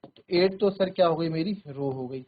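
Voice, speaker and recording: A man teaching a maths class in Hindi mixed with English, explaining step by step, counting aloud and asking if things are clear. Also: on the high side, moderate pace, narrow, tinny audio. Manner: voices students' doubts himself and answers them. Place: virtual classroom studio.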